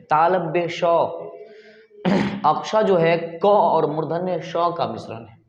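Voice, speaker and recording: A man teaching pronunciation, repeating each word slowly to drill the sounds. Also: on the high side. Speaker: English teacher. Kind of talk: pronunciation lesson. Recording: echoey room, dull lo-fi sound.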